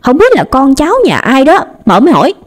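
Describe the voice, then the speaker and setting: A young woman with a Southern Vietnamese accent, narrating a ghost story with dramatic, lively delivery. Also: sits high, fairly quick.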